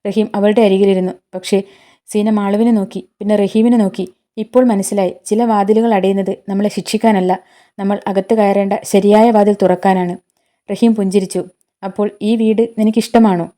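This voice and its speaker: A woman narrating a scripted emotional story in a calm, measured reading. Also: mid-range voice.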